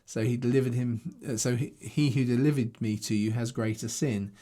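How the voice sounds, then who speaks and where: A man's voice: mid-range voice, fairly even intonation, normal speed, dark tone. A man reading scripture aloud and teaching on it in a conversational way, thinking aloud with restarts, recording himself to a video camera. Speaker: Bible teacher. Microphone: self-recorded to a video camera.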